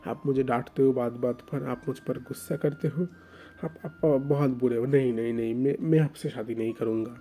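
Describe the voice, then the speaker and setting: A man's voice: medium pitch, steady tone, normal speed, mellow, natural voice. A man voicing a timid, tearful young man who stammers and pleads in a whiny way. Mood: tearful pleading.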